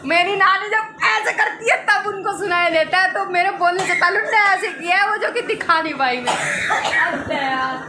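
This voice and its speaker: Outdoors on a dusty, sunny day, a woman narrates a casual comedy vlog, teasing and laughing often. Her very high-pitched voice is bright and forceful at a moderate pace, and the background is noisy.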